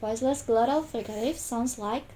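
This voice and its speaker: A woman's voice: on the high side, normal speed, warm tone, slight background noise, rough recording. A young woman student giving a class presentation, speaking carefully and repeating each example sound several times. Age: young adult.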